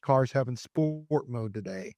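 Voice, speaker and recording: A man's voice: medium pitch, expressive, a little slow, mellow, dry recording. A man in his forties, a podcast co-host, reading a dramatic history script and breaking into loose, laughing asides. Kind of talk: partly scripted history narration mixed with casual chat.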